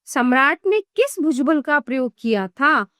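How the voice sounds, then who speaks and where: A woman's voice: sits high, animated, unhurried, fairly bright tone, no echo, clean studio sound. A woman voicing a compassionate woman singer who earnestly pleads with an emperor to give up killing. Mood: pleading.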